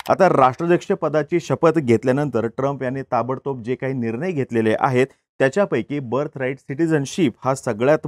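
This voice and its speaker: A man's voice: medium pitch, a little mellow, no echo, studio quality. A man hosting a news explainer, speaking steadily with occasional hesitation fillers.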